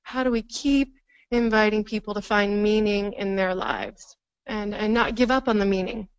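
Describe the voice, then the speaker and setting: A woman's voice: mid-range voice, fairly even intonation, moderate pace, clear, resonant tone, no echo, muffled recording. A woman presenting a counseling workshop to a live room, thinking aloud and laughing often. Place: training room with live audience.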